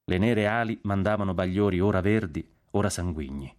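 A man narrating a literary audiobook in a measured, expressive reading. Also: low-pitched.

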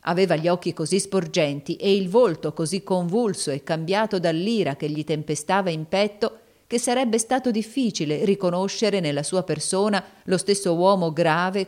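A woman reading a classic novel aloud in measured narration. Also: fairly low pitch, a little mellow. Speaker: audiobook narrator.

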